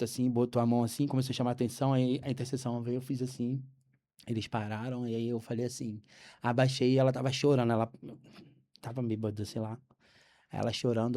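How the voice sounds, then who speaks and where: A Brazilian man, a podcast guest, telling a faith story with lively acted-out dialogue. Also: mid-range voice. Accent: Brazilian Portuguese. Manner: animated storyteller acting out dialogue. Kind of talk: storytelling testimony.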